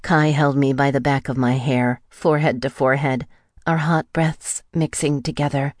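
Brief: a woman, deep-toned, intimate and breathy, reading a romance audiobook dry and close. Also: steady tone, moderate pace, no echo. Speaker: audiobook narrator. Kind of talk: first-person romance audiobook narration.

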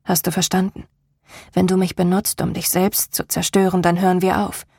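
A woman voicing a seductive, caring female lover in whispered role-play, murmuring low. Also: level tone, normal speed, creaky, mellow, husky, no room sound, studio quality. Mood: firm caring.

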